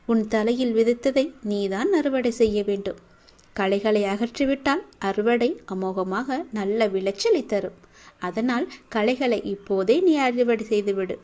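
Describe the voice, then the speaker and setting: A woman voicing a male god who gently counsels a devotee in a scripted devotional monologue, tender and reassuring. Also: a little high, lightly acted. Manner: tender, reassuring, slow and preaching.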